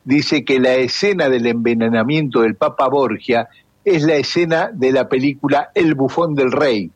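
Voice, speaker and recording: Argentine radio cohost, kinda husky voice, dry muffled studio sound, chatty. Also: male voice, mid-range voice, moderate pace, no echo. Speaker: radio co-host. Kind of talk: casual radio chat reading listener messages.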